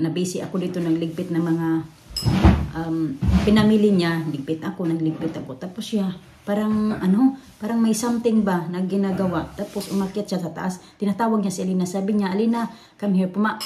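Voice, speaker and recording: Woman vlogger from the Philippines, casual rambling storyteller, low-ish mellow voice, echoey room with faint noise. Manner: chatty, rambling, many fillers and restarts. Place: at home in a room.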